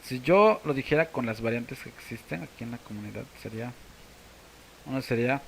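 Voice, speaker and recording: A man with a Mexican Spanish accent, teaching a language casually to camera and slowly repeating words for practice. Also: mid-range voice, creaky, fairly bright tone, slight background noise, poor audio.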